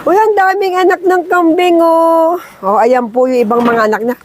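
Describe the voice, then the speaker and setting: A woman's voice: very high voice, normal speed, background noise. A Filipino woman vlogging casually, cooing in sing-song baby talk and laughing often. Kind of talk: casual vlog commentary.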